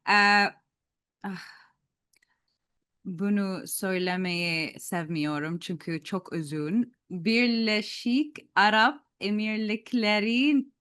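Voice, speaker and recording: A woman practises conversation in a foreign language. Her clean, smooth voice moves slowly through broken beginner Turkish, searching for each word. The sound is dry and close. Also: mid-range voice, fairly bright tone, no echo. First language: Arabic. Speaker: language student, multidisciplinary artist.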